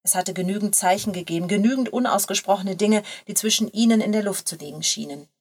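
Female storyteller reading a short story aloud, steady and measured. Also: medium pitch, breathy edge. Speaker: narrator.

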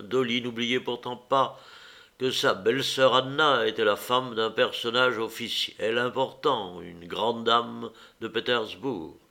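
Measured male audiobook narrator. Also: mid-range voice, fairly bright tone. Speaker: audiobook reader.

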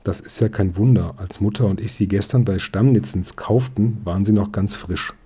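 A man's voice: lowish voice, moderate pace, warm tone, slightly rough. A man voicing a polite, earnest young boy in a storybook reading.

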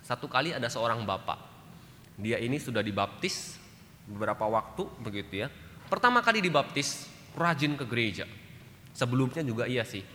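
A man preaching a sermon to a congregation, telling a story with lively shifts and acting out the voices of the people in it. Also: mid-range voice, normal speed, a little hiss or hum. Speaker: pastor. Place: church sanctuary. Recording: church hall reverb with faint ambience.

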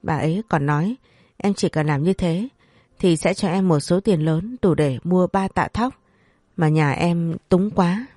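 A woman's voice: on the low side, a little slow, no room sound, clean studio sound. Woman voicing a bold young male servant. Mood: earnest. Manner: shouting accusations.

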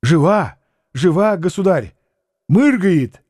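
A man's voice: high voice, lively intonation, slow pace, darkish tone, no room sound, clean studio sound, voice pushed up, heavily acted. A man voicing a fussy, servile male night watchman in an audiobook, speaking in an obsequious, urgent way. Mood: eager.

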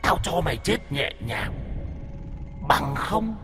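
A man voicing a female demon posing as a wife, sliding from a hushed high falsetto to a low menacing hiss. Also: very animated, slow, faint music behind, full character voice.

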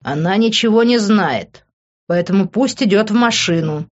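A woman reading an audiobook, voicing a rude, irritable young man with a slow, sneering delivery. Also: mid-range voice, lively intonation, muffled recording, lightly acted. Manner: curt, sneering, drawn out.

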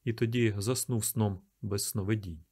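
A man reading a novel aloud in calm, measured audiobook narration. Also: fairly low pitch, husky.

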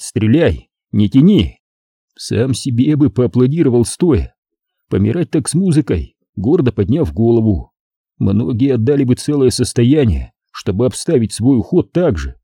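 Husky, dark-voiced male audiobook narrator. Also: medium pitch, animated, normal speed, dry recording, studio quality. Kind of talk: first-person novel narration.

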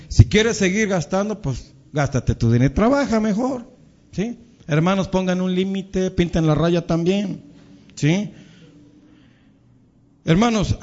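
A man's voice: sits high, darkish tone, muffled recording. A male pastor with a Mexican Spanish accent preaching to his congregation, calling them brothers and acting out quarrels between spouses. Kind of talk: sermon.

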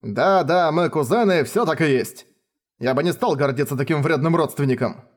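Rainer: man reads a lazy, hot-headed young mage, yelps high and loud when pushed. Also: normal speed, natural voice. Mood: complaining. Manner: shouting, exasperated outbursts.

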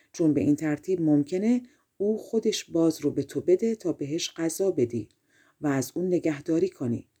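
A woman voicing a helpful, wise male fox in a storybook, giving advice in a soft tone. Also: low voice, breathy edge.

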